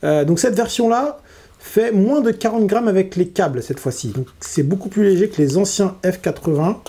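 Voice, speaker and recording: An FPV drone YouTuber with a Parisian French accent and a blocked nose chats through a casual drone-building vlog full of fillers and restarts. His voice sits high, warm and lively, at normal speed.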